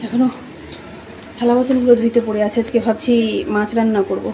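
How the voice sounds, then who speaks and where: A woman's voice: fairly high pitch, fairly even intonation, a little fast, warm tone, a little hiss or hum, poor audio. A middle-aged woman talking casually through a home vlog as she cooks and tidies, chatty and complaining, often correcting herself mid-word. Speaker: cooking vlogger. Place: at home, kitchen and rooms.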